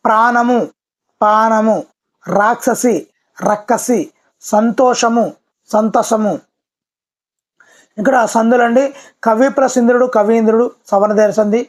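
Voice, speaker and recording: A teacher giving a brisk voice-over exam-prep lesson, often repeating key words and addressing viewers politely. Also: mid-range voice, fairly even intonation.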